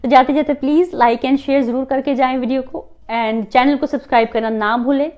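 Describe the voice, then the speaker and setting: An Indian woman hosting a fun-facts video. She reads the facts slowly in English and then chats quickly in Hindi. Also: high voice, steady tone, darkish tone. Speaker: host. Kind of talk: fact-sharing video, scripted English and chatty Hindi.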